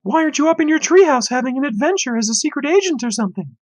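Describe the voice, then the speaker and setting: A man's voice: extremely high pitch, lively intonation, racing, pitched above the performer's own voice. A man voicing a patient, sensible mother with a singsong, condescending manner. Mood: patient condescension.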